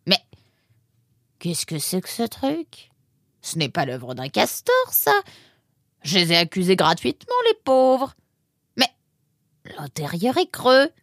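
A fussy, excitable female creature who runs a watermill, always fretting and exclaiming, as a woman puts her on for a storybook. Her voice sits high and jumps wildly up and down, with a breathy edge. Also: takes it slowly, long pauses, no echo, clean studio sound, heavily acted. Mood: amazed. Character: fussy excitable female animal, mill keeper. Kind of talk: storybook character voice.

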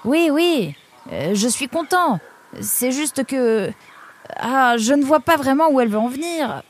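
A woman voicing a furry male creature who frets and protests in a raised, excitable voice. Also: sits high, unhurried, pitched above the performer's own voice. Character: big furry male creature, fretful and touchy.

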